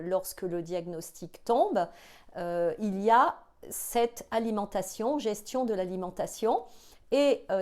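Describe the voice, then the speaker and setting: A woman's voice: medium pitch, a little mellow. A woman hosting her own video, explaining a diet topic in a casual, hesitant way with many filler sounds and restarts. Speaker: psychologist and video host. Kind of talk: casual explanatory talk to camera.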